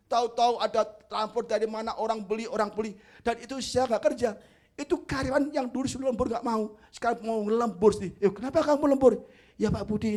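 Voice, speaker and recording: A man's voice: high voice, darkish tone. A middle-aged man preaching a testimony sermon, telling stories and acting out both sides of conversations while addressing his listeners directly. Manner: storytelling, acting out dialogue, addresses listeners as "saudara".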